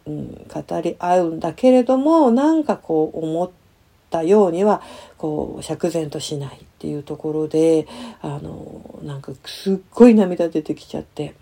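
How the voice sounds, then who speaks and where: A middle-aged woman counselor telling a personal story softly and hesitantly, with many fillers and lively sound words. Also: low voice, moderate pace, vocal fry.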